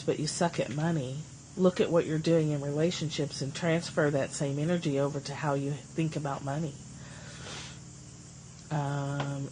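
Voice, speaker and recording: A woman's voice: low voice, slight background noise, low-quality recording. A woman hosting a live stream, giving a casual, rambling spiritual talk and replying to viewer comments. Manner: chatty, rambling, reads viewer comments aloud. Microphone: phone.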